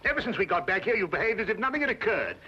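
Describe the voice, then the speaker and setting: A man's voice: high voice, very animated, rapid-fire, slight background noise. An English actor playing a fussy, easily alarmed male doctor and sidekick, protesting properly in an old-time radio drama. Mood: impatient, indignant. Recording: dull old radio recording, music behind.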